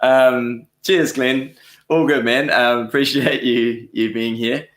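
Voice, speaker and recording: A man's voice: medium pitch, steady tone, slow, a bit bright, roomy sound. A man hosting a casual live question-and-answer stream, rambling and correcting himself, with frequent chuckles. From New Zealand. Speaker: livestream host answering viewer questions. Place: home studio.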